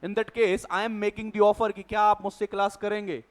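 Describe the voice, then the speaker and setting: A man teaching an exam revision lecture, reading definitions out slowly and then explaining quickly, asking the class rhetorical questions. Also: high-pitched, flat delivery.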